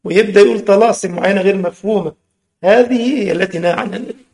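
Gravelly high-voiced Egyptian religious teacher. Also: male voice, racing, darkish tone. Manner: switches between formal Arabic and colloquial, quizzing listeners. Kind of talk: religious lesson.

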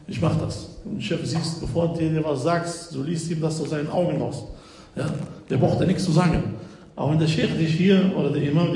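A man's voice: a little high, warm tone. A man giving a religious lesson, checking in with frequent "ja?" and explaining step by step. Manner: explains with frequent "ja?" checks, slightly nonstandard grammar. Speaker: preacher. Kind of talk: religious lesson retelling hadith. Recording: echoey hall with faint noise.

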